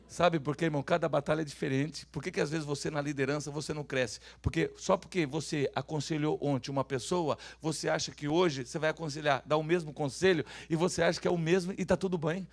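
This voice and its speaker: High-voiced Brazilian pastor preaching with shouts. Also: male voice, creaky. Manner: swings from hushed asides to shouted calls for the congregation to repeat. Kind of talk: sermon.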